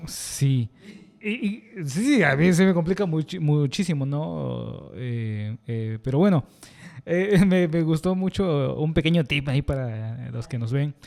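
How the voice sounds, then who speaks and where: Male host with a mellow, slightly high voice, halting and filler-heavy. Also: lively intonation, vocal fry. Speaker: podcast host. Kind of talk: casual interview talk.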